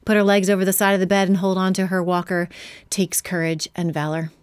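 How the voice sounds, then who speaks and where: A woman's voice: lowish voice, level tone, a little fast, darkish tone, clear, resonant tone, no echo, studio quality. Thoughtful woman in a faith discussion. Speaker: Bible study participant. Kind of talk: faith-based podcast discussion.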